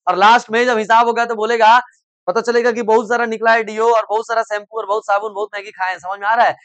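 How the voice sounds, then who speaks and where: In a coaching classroom, a middle-aged male teacher lectures very fast in a high, slightly bright voice with little pitch movement. He uses simple terms and everyday examples, repeatedly asking "samajh mein aa raha hai?" and prodding students to say whether they follow. The recording is dry and close, with no echo.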